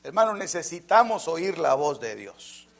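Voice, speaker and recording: A man preaching a fervent sermon, jumping from loud emphatic lines to near-whispers and often addressing listeners as brother. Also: on the high side, big pitch swings, measured pace, vocal fry. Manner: keeps calling listeners "hermano".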